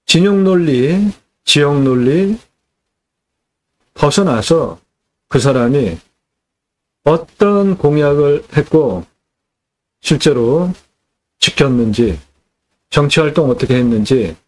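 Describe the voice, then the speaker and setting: A man's voice: medium pitch, lively intonation, takes it slowly, long pauses. A middle-aged man hosting a land sales channel, delivering an indignant, scolding political rant.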